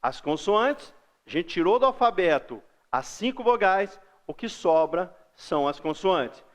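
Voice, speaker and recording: A man's voice: sits high, expressive, a bit bright. A man with a Brazilian accent teaching a recorded grammar lesson to schoolchildren, patiently stretching out example words. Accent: Brazilian Portuguese. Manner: patient, drawn-out example words, frequent "ó" and "beleza?".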